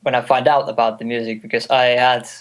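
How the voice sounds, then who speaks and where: Young Finnish man, twenties, native Finnish speaker, call interview guest, halting and friendly. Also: medium pitch, flat delivery. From Finland. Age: 20s. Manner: hesitant, many fillers and restarts, light laughs. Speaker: guest music producer. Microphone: call audio.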